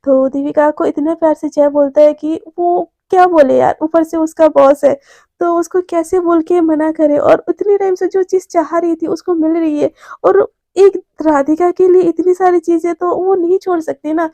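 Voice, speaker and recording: Woman storyteller, chatty romance narration, mellow tone, dry sound. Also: very high-pitched, fairly even intonation, normal speed, dry recording. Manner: chatty, colloquial, many fillers.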